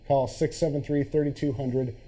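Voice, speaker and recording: A man's voice: medium pitch, little pitch movement, moderate pace, mellow, husky. A man hosting a morning TV news show, bantering with friendly enthusiasm. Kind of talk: TV news chat.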